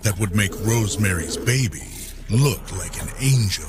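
A man's voice: lowish voice, expressive, normal speed. A man reading scripted narration for a top ten countdown in a dramatic, ominous manner. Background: music.

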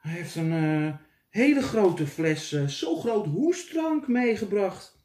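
Guy putting on a high chatty young girl from a fairy tale, echoey room. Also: sing-song, slow pace, darkish tone, full character voice. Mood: excited.

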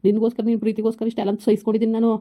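A woman's voice: a little high, completely flat delivery, rapid-fire, warm tone, lightly acted. A woman playing a harried husband caught between his wife and his mother, talking in an exasperated, scolding way in a village comedy skit. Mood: bitter. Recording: slightly dull lo-fi recording.

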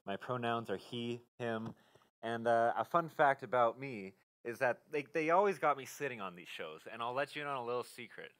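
A man hosting a playful science live stream, wry with deadpan jokes. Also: mid-range voice, normal speed. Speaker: host.

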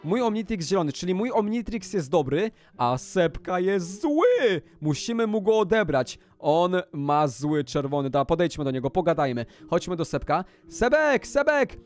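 A young man doing excitable, shouty Minecraft roleplay commentary as a gaming YouTuber, often jumping in pitch. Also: a little fast, hardly any pauses.

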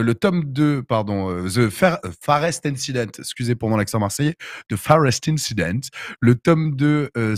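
A man's voice: mid-range voice, no echo, studio quality. A young man hosting a livestream, joking around and reading out chat messages and prize announcements. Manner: lively, joking, reads chat messages aloud. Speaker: host.

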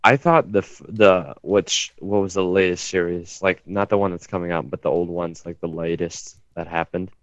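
A man's voice: low-pitched, steady tone, normal speed, hardly any pauses, no room sound, highs cut off. A man co-hosting a casual podcast chat, jumping in with emphatic asides. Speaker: podcast co-host.

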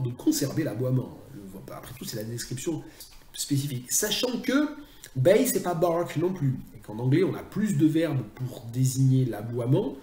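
A man's voice: mid-range voice, mellow, roomy sound. A man teaching translation in a recorded video lecture, chatty and self-mocking, often drifting into asides.

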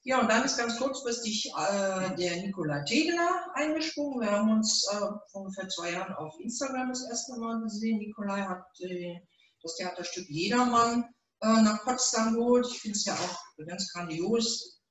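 Recorded from a distant camera in a small event room, a middle-aged author chats casually to open her reading, using lots of fillers. She speaks at normal speed with a medium pitch, and there's a little hiss or hum along with the roomy echo.

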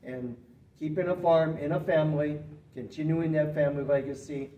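An older man answers interview questions in an earnest, emphatic way. His voice sits a little high for a man but sounds mellow and dark. It is recorded from a slight distance in a roomy space with faint hiss. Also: normal speed, highs cut off. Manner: earnest, emphatic, steady explanatory delivery. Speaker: retired farm management professor, guest expert. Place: small indoor studio room.

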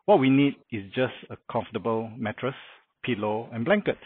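Showing off a car camping setup in a carport next to a house, this middle-aged man gives a casual how-to, speaking plainly and saying "uh" often. His mid-range voice is expressive with a breathy edge and a moderate pace. There's no echo, and the audio has a dry, narrow, phone-like quality.

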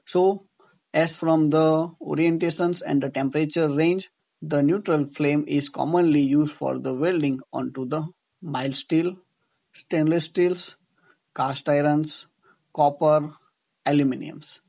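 A man with an Indian accent narrates a scripted lecture over slides, teaching engineering in a didactic style and rephrasing his points. His voice is on the high side and dark in tone, steady and unhurried, with vocal fry. The audio quality is poor.

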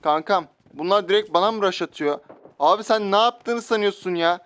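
A young man giving lively, joking commentary while playing a mobile shooter, talking back at his in-game enemies. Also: high voice, moderate pace, clear, resonant tone. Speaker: gaming YouTuber. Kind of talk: live gameplay commentary.

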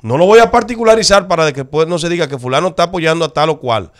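A man's voice: fairly high pitch, expressive, fast talker. A Dominican man co-hosting a talk show, giving his opinion emphatically and repeating points for stress. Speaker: show co-host.

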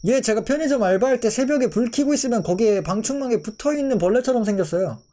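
A man's voice: extremely high pitch, expressive, fast talker, dark tone. A young man in his twenties, a streamer chatting casually with his viewers, playful and mock-outraged.

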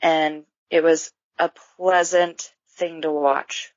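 A woman guest on a podcast, talking slowly in a low-pitched voice. The recording is dry and a bit dull, with no room sound. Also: steady tone, no room sound. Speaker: guest co-host. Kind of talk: casual podcast chat.

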